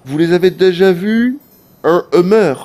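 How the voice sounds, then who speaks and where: Male live streamer, mid-high voice, lively and chatty with viewers, swears freely. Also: a little slow. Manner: animated, talks straight to chat, swears casually. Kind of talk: live gameplay commentary.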